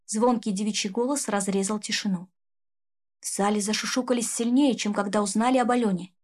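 A woman reading a fairy-tale audiobook in an expressive, measured narration. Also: mid-range voice. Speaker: audiobook reader. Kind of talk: storybook narration.

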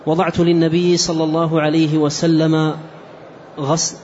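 Guy reading hadith text for the sheikh, slightly high voice, distant from the mic, faint hiss. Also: normal speed, highs cut off. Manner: flat recitation of the text. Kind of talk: reading hadith chains aloud.

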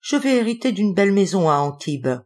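A woman's voice: mid-range voice, sing-song, fairly quick, darkish tone, voice pushed up, natural voice. Brief: woman voicing a grieving older lady, scolding then tearful, audiobook character. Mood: tearful confiding.

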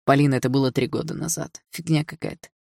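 A woman's voice: very deep voice, fairly even intonation, quick pace, gravelly, darkish tone, dry recording, clean studio sound, heavily acted. Woman voicing a cocky, mocking young man. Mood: defensive. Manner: smug and teasing.

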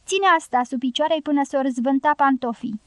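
A shy young girl with a soft, eager voice, lifted high and bright, as a woman reads her. She speaks in a caring tone. The reading sounds dry and close. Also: no room sound. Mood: tender.

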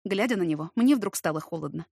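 A woman reading a novel aloud as a first-person narrator, steady and expressive. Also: lowish voice, quick pace, creaky, husky, no room sound, clean studio sound. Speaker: audiobook narrator.

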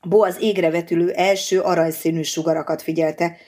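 A woman narrating a novel in a measured, steady audiobook reading. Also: lowish voice.

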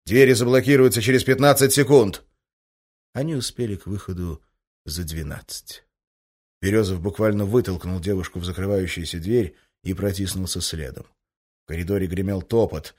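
A male narrator reads an action-packed audiobook with a fairly low voice. His delivery is brisk and tense, carrying the action forward. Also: warm tone, slightly rough. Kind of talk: scripted narration.

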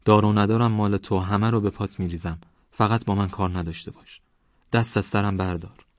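A man's voice: lowish voice, steady tone, no room sound, lightly acted. A man voicing a frightened old wandering dervish, pleading in a raised, fearful voice. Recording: dry, slightly dull recording.

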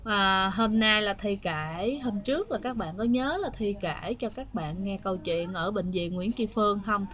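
Southern Vietnamese woman, casual ghost-story host, chatty with frequent pauses, faint background noise. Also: medium pitch, fairly bright tone. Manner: chatty, frequent hesitations, keeps addressing listeners. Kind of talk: casual spoken storytelling to viewers.

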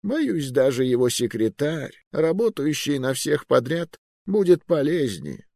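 Kindly-sounding old wizard guy read by a man, drawls his words slow and soft, high thin voice, polite but ruthless. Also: very animated, vocal fry, no echo, clean studio sound, full character voice. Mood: mildly cruel. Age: older. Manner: drawling, mild and polite while ordering deaths. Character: genial old male wizard magister, coolly ruthless.

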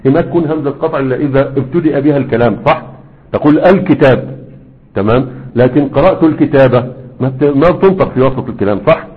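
A man's voice: mid-range voice, fast talker. A man teaching a classroom grammar lesson in a conversational way, often checking with his students. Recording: dull lo-fi recording.

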